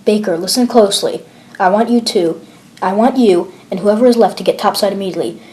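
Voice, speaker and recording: A woman's voice: mid-range voice, fairly quick, dark tone, a little hiss or hum, close to an everyday voice. A stern male commander barking curt orders over the radio, as a woman reads him. He keeps it clipped and clinical, a voice of command in an amateur horror audio log.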